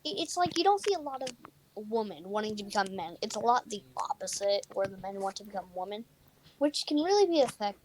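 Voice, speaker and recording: A teenage girl co-hosting a casual podcast chat, pausing often with ums. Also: medium pitch, big pitch swings. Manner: hesitant, many ums. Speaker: co-host.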